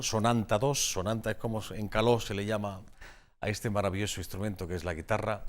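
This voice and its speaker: A man hosting a regional TV magazine from the studio. His voice sits low and he talks fast, piling on enthusiastic introductions. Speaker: TV studio host. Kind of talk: TV magazine presenting.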